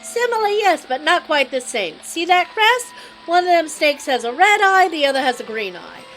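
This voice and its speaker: A woman doing a brash, teasing New Jersey mob guy, pitched up high with a lively, bouncing delivery. He drawls with swagger. A faint bed of music sits underneath. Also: moderate pace, heavily acted, low-quality recording. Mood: explaining. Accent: put-on New Jersey. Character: sleazy swaggering male mobster, middle-aged. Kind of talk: voicing game dialogue on a live stream.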